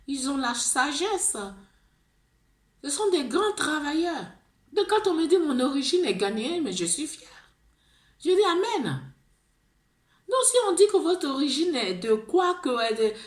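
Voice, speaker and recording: With a high-sitting, darkish voice in an echoey room, an Ivorian video blogger speaks in a French accent from Ivory Coast. Her monologue is impassioned and pleading, full of repetition and restarted words.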